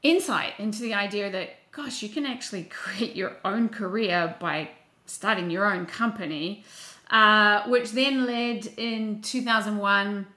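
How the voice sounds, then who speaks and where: This casual interview guest is a woman from New Zealand whose accent is unmistakable. In an unhurried, mid-range voice that's bright and forceful, she walks through her background chattily, poking fun at herself and dropping small fillers, all captured in an echoey, roomy space.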